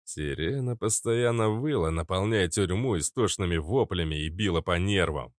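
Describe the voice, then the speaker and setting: Male audiobook narrator, lowish voice, steady urgent delivery, very dry booth. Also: normal speed, dry recording. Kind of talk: first-person audiobook narration.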